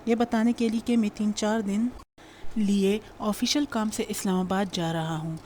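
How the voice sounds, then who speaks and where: A woman voicing a direct, steady young man who talks in a plain, matter-of-fact way. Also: medium pitch, a little hiss or hum, close to an everyday voice.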